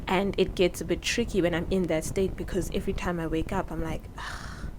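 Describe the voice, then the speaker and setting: She talks a little fast in a lowish voice with fairly even intonation, and the background is noisy. A South African woman in her early twenties, she sits indoors giving candid, earnest advice in a vlog on her own popping mic.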